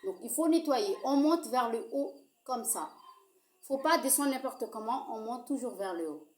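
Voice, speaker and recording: A woman's voice: a little high, animated, normal speed. A woman giving a casual skincare how-to, talking straight to her viewers with a hesitant delivery full of fillers, and she apologizes for her own accent. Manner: hesitant, many fillers, addresses viewers directly. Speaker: skincare tutorial host. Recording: echoey room.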